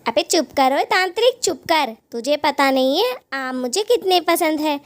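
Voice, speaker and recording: Woman doing a cartoon witch, high and shrill, swinging wildly in pitch, taunting, dry close sound. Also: lively intonation, moderate pace, dry recording. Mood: gloating. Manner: taunting, insulting, cackling. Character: rude mocking female mango-loving witch ghost.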